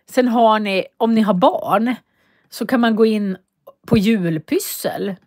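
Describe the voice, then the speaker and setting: Give me a woman teaching a live online lesson, speaking clearly and slowly with a middle-pitched voice. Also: a little mellow. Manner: slow, clearly articulated, repeats phrases for learners to copy; walks viewers through web links on screen. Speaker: Swedish language teacher.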